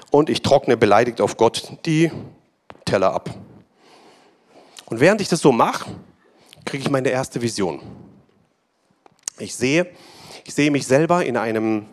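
A man preaching a sermon, telling his own story and urging listeners with emphatic repeated calls. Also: medium pitch. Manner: testimony with emphatic repeated exhortations.

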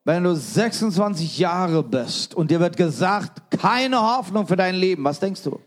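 A man interpreting a sermon live, phrase by phrase, with quick restarts and fillers. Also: high-pitched, lively intonation.

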